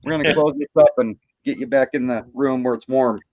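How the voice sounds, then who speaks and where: A slightly dull, lo-fi recording of a man at a middle pitch. He chats casually on a live stream with a wry, joking manner. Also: steady tone, fairly quick, a little mellow. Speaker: livestream participant.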